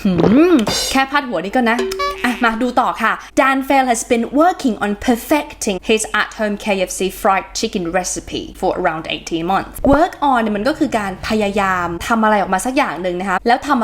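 A woman's voice: mid-range voice, animated, slow. A woman hosting a casual English vocabulary lesson, chatty and switching between Thai and English words as she explains. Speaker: English teacher and host. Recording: noisy recording with background noise.

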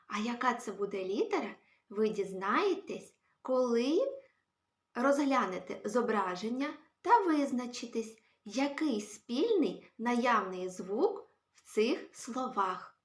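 A woman teacher greeting young children and sounding out words one by one in a phonics lesson, cheerful and slow. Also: on the high side, fairly bright tone. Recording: roomy echo.

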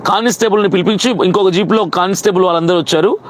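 A man, a pastor, recounts his arrest in a rapid, heated stream, acting out the voices of both sides. His voice sits high and races along. Faint traffic noise hums behind him.

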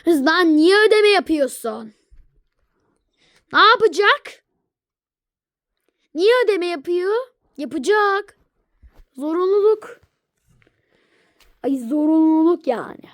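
A woman with a very high voice performs every toy character in a homemade skit, letting them bicker stubbornly back and forth. She speaks slowly and draws out her lines. The recording is dry and close, with no room sound. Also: lively intonation, a bit bright, dry recording.

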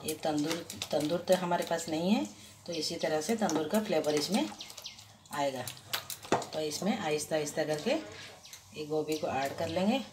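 A low-voiced woman gives a patient, slow, step-by-step cooking explanation in her home kitchen, stopping and restarting frequently as she works. The camera captures only her hands from above, and the audible stove adds sizzling and frying sounds.

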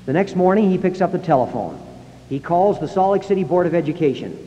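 A man giving a public speech in a high school hall, emphatic and acting out quoted voices, recorded on 1960s analog tape. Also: lively intonation, fast talker, warm tone, lo-fi sound. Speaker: speaker.

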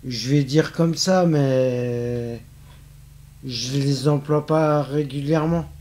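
Un invité qui répond brièvement et avec hésitation aux questions. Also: male voice, mid-range voice, fairly even intonation, slow pace, a little mellow. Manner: brief hesitant answers. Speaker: guest.

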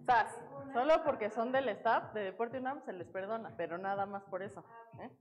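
A woman's voice: medium pitch, normal speed, rough recording. A woman, a fitness instructor leading a live online workout class, counting reps aloud in an upbeat, teasing way.

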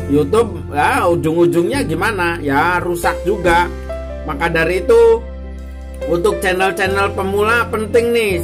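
Joking vlogger man. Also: sits high. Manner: jokey, repeats phrases, greets viewers as bro, guys, ma'am, sir. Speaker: YouTuber giving tips to beginners. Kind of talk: casual chatty vlog.

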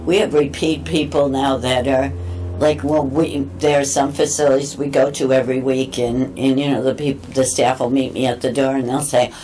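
Low-voiced woman guest, rambling stories. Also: moderate pace, a little hiss or hum, low-quality recording. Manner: rambling, animated storyteller. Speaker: guest, cat therapy visitor. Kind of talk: casual interview chat.

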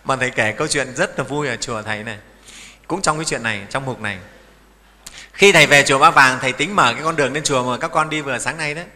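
A man's voice: mid-range voice, quick pace, bright, forceful tone, in a large hall. A middle-aged man, a Buddhist monk giving a sermon in a folksy manner, often asking his listeners questions.

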